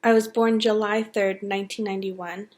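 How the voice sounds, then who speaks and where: A woman in her twenties from Connecticut, calmly telling her own story in a matter-of-fact way. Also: mid-range voice, normal speed. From Connecticut, USA. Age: 20s. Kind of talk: plain personal narration.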